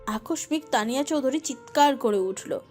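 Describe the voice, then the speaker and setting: A woman narrating a romantic audio story with expressive, emotive delivery. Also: high voice, moderate pace, soft background music.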